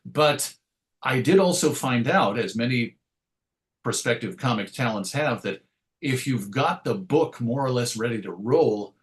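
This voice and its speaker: Speaking with a medium pitch at a measured pace, the same comics writer and radio host sounds animated as he spins stories during the interview. He's talkative and thoughtful, doubling back to fix details and tossing in dry remarks along the way.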